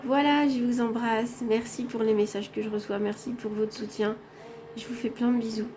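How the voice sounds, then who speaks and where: A woman's voice: a little high, steady tone, moderate pace, a crowd in the background. A woman vlogging casually from a hospital room, chatting directly to her viewers on a handheld phone. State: tired after anesthesia. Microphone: phone held in hand.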